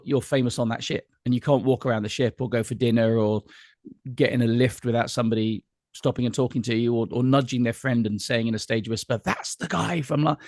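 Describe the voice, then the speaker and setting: A quick, chatty middle-aged man spins anecdotes as an interview guest. His voice sits at an ordinary pitch, and the sound is dry and close with hardly any room in it. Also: darkish tone, no room sound. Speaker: guest entertainer. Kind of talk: casual interview chat.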